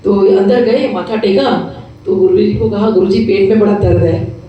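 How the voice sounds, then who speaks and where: A middle-aged woman, a dentist, telling a devotional testimony in a lively storytelling way, acting out the voices she quotes and slipping in English phrases. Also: medium pitch, normal speed, lo-fi sound. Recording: echoey room, mic at a distance.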